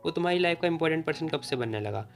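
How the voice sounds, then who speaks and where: A man's voice: a little high, expressive, rapid-fire, gravelly, soft background music. A man reading the lines of a cocky, defiant young man in a brusque, challenging tone.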